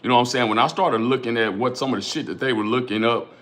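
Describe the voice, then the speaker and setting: On a casual livestream, a middle-aged host speaks fast in a mid-range voice, animated and profane. He goes through viewers' comments aloud, calls people in the chat by name, asks rhetorical questions, and keeps dropping "you know what I'm saying."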